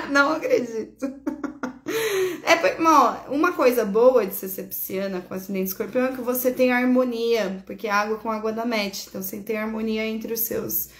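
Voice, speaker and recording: A woman's voice: a little high, moderate pace. Chatty Brazilian astrologer woman, echoey room. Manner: chatty, affectionate, laughs often, corrects herself. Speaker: astrologer host. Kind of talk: casual live horoscope chat.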